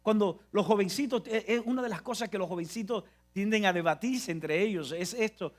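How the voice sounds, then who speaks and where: A man's voice: high-pitched, a little fast. A man with a Dominican Spanish accent preaching a sermon, emphatic and repetitive, often restarting his phrases.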